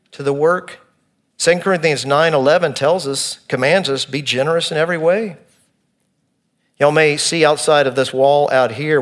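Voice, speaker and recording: A man's voice: medium pitch, a bit bright. A man preaching a sermon in church, counting off his points and reading scripture with emphasis. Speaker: pastor.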